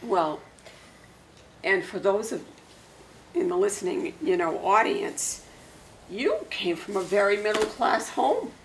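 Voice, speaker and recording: An older woman hosts an author interview from an armchair in a bookstore. Her voice is middle-pitched for a woman, and she speaks in an effusive, eager way. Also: sing-song, slow pace, long pauses, a little hiss or hum, poor audio. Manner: effusive, gushing. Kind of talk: enthusiastic interview hosting.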